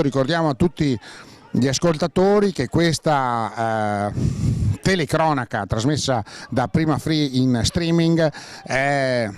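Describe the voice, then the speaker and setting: Hesitant football commentator. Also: male voice, fairly high pitch, clean tone. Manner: hesitant with many fillers, rises sharply on chances. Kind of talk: live play-by-play commentary.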